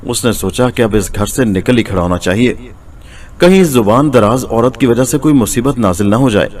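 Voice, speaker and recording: A man telling a moral folk tale in steady, measured scripted narration. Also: medium pitch. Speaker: storyteller.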